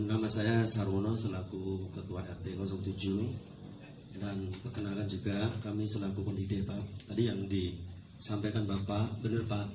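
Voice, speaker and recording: Earnest low-voiced man asking at a meeting. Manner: earnest, repeatedly addresses the officer as Pak. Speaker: neighborhood unit head and teacher. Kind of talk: asking a question at a community meeting. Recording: echoey room with clear background noise.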